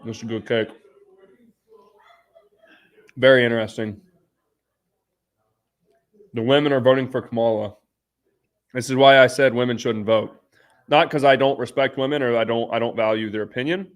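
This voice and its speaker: Male livestream host, medium pitch, informal, blunt, off-the-cuff chat. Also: steady tone, normal speed, long pauses. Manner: informal, blunt, bro-style slang. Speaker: live stream host. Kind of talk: casual unscripted live stream chat.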